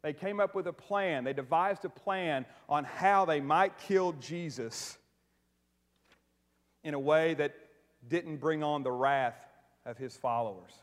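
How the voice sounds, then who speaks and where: A man preaching a sermon to his congregation, animated and joking, tossing in frequent "right?" asides as he talks. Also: on the high side, takes it slowly. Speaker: pastor. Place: church sanctuary. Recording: long reverb of a large hall.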